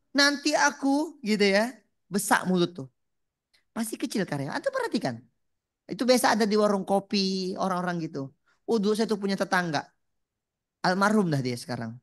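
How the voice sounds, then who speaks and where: A woman preacher giving a lively religious talk, punchy and repetitive, often asking the audience questions. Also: mid-range voice, brisk, pauses often. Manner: punchy, repeats catchphrases, asks the audience questions.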